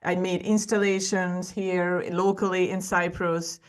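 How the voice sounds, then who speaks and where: Speaking as a guest artist in a podcast interview, this woman from Hungary, in her forties, shares her story in a Hungarian accent. Her fairly low voice is smooth and measured, with a flat delivery. She is earnest and frequently begins her sentences over.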